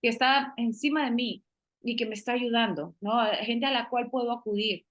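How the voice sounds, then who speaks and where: A woman's voice: on the high side, moderate pace, a bit bright. A middle-aged woman sharing a personal faith testimony in a casual conversation, speaking earnestly with many restarts and the odd English phrase.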